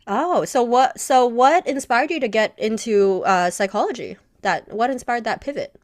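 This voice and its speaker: A woman's voice: a little high, expressive, moderate pace, no echo, clean studio sound. A woman hosting a podcast interview, a little sick, chatty and friendly with many fillers. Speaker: podcast host. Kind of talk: casual interview chat.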